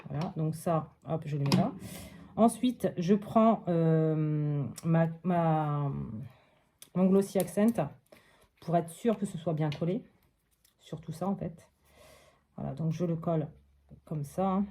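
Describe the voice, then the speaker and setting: Crafting vlogger, woman from France: slow, low-pitched, narrates each step casually with fillers. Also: dark tone.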